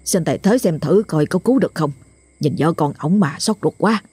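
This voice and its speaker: A woman's voice: low voice, expressive, fairly quick, dark tone, breathy edge, no room sound, full character voice. Woman doing a fretful village man. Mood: worried. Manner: fretful, hesitant, with fillers. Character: worried village man gossiping in low tones.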